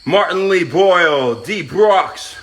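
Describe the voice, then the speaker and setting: Guy on a live stream reading off viewer names, kinda high voice, slow and easy. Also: expressive, a bit bright. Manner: reads out viewers' names and greets each one; chats while working out. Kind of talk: casual live-stream chat.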